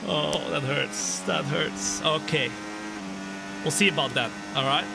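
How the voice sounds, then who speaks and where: High-voiced joking young man streaming a race. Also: slow, gravelly. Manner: joking, chatty, greets viewers. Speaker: game streamer. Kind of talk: live racing game commentary and chat. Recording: game engine noise behind voice. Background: racing car engine sounds.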